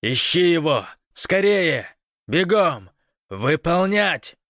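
Guy doing a desperate dude yelling orders on the radio, loud and commanding, dry sound. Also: on the high side, very animated, slow, no room sound, voice pushed up, heavily acted. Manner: shouting, commanding.

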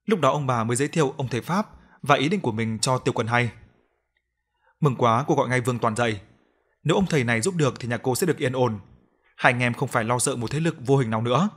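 A man's voice: medium pitch, fast, fairly bright tone, husky. Man narrating a ghost story.

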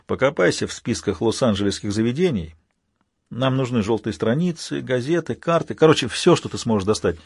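A man reading the part of a blunt male team leader who gives short, quiet orders. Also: mid-range voice, lively intonation, a little fast, creaky, breathy edge, no echo, clean studio sound.

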